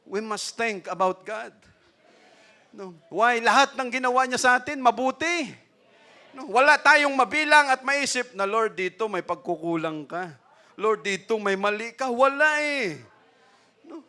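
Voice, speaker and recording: A man's voice: extremely high pitch, animated, unhurried, pushed and bright. A man preaching a sermon as pastor, peppering his talk with a questioning "no?" and chuckling asides. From Philippines. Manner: mixes asides and laughs, repeated "no?" tag.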